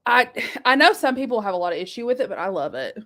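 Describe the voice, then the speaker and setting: A woman's voice: fairly high pitch, very animated, fast, fairly bright tone. A woman hosting a casual book discussion, chatty and laughing, talking while eating. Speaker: booktube host. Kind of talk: casual chat.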